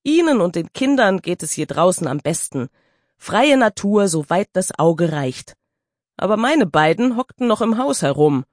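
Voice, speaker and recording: Brief: a woman narrator, dry studio sound, expressive and animated reading. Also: on the low side, moderate pace, dry recording. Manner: expressive, lively storytelling. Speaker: audiobook narrator. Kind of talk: audiobook narration.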